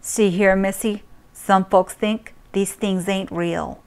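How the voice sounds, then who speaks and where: A woman reading aloud and voicing a menacing, rough male cowboy intruder with a coarse, taunting drawl, in a slow, unhurried delivery. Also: mid-range voice, fairly even intonation.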